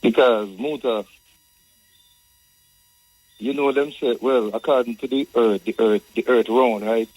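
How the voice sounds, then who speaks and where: A Jamaican man calling a radio show, arguing conversationally in Rasta speech with a husky voice, repeating phrases as he builds his point. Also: medium pitch, steady tone, unhurried, long pauses, a little mellow, dry recording, low-quality recording. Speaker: radio caller.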